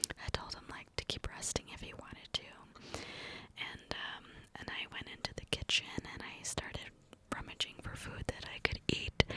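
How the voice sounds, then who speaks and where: A young adult woman tells a personal story as an ASMR ramble, whispering close to the mic with her mouth cupped by her hand. She rambles and repeats words.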